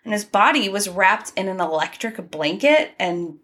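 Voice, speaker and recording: Running through case details on a laid-back true crime podcast, this co-host stays conversational, adding asides and laughs as she reads the facts. Her mid-range voice is animated and fairly bright, moving at normal speed.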